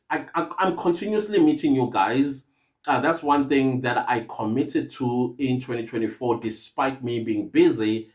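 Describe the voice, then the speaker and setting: A man with a South African accent hosting a podcast, talking to his viewers in an earnest, rambling way and often stopping to hesitate and restart. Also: medium pitch. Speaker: podcast host. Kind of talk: casual podcast monologue.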